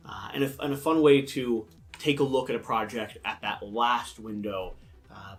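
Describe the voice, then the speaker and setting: A man hosting a casual board game review discussion, with a lisp that draws his s sounds out like a snake. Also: mid-range voice. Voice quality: lisp with drawn-out, hissy snake-like s.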